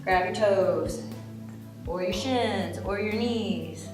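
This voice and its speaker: Speaking at a medium pitch and a slow pace, a woman guides a yoga class through stretches, mixing in chatty jokes. Background music plays in the echoey room.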